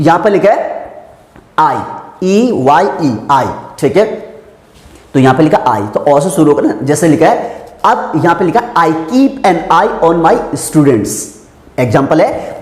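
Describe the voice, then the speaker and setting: A man's voice: a little high, a little mellow. A man teaching English grammar in a classroom-style lesson, explaining step by step and asking and answering his own questions. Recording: echoey room with long reverb.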